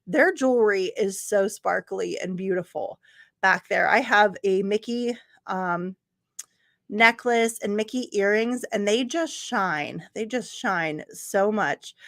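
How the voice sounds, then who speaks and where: A woman's voice: mid-range voice, a bit bright, dry recording, clean studio sound. A woman hosting a casual livestream from a room at home, chatting in a rambling way, answering viewers by name and laughing often. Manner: laughs often, trails off mid-sentence. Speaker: livestream host. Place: home room with computer screens.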